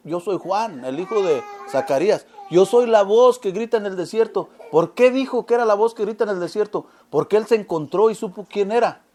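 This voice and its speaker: High-voiced preacher man. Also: a little mellow, a little hiss or hum. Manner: asks listeners frequent rhetorical questions. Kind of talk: sermon.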